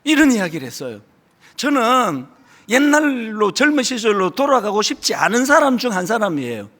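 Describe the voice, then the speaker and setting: A Korean pastor in his sixties delivering a sermon, emphatic, with loud stressed lines and sudden hushed drops. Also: high voice, very animated, normal speed. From South Korea. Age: 60s. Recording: reverberant hall.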